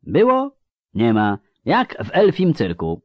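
A man voicing a cheeky, stubborn young girl in a read-aloud story, high and shrill. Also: huge pitch swings, slow pace, dry recording, studio quality. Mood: shouting, insistent.

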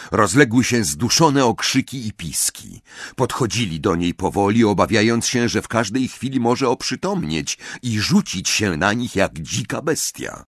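A man narrating an audiobook in a measured, dramatic storytelling manner. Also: lowish voice, no room sound, clean studio sound.

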